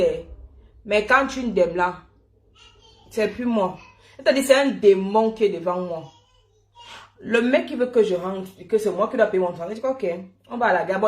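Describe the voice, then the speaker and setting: A woman from Cameroon tells a personal story in a lively, chatty way, often laughing and calling her listeners "mon frère". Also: mid-range voice, echoey room.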